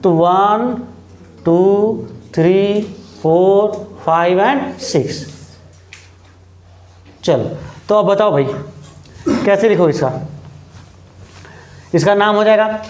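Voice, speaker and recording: Male chemistry teacher, high voice, lectures in an echoey classroom, asks and answers his own questions. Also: a little mellow, a little hiss or hum. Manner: asks questions and answers them himself, repeats key terms; slows down while writing on the board. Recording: echoey room.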